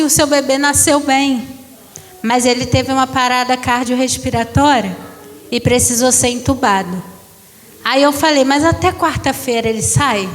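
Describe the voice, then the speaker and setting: A woman's voice: high voice, big-room sound. A woman in her thirties, a pastor giving an emotional testimony to a congregation, calling them brothers. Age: 30s. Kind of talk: church testimony.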